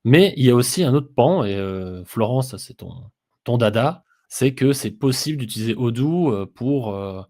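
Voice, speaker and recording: A man co-hosting a business podcast, explaining things steadily and pausing often with filler sounds. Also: medium pitch, lively intonation, darkish tone. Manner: hesitant, many "heu" fillers, explanatory. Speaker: podcast co-host, business software consultant. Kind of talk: casual business podcast discussion.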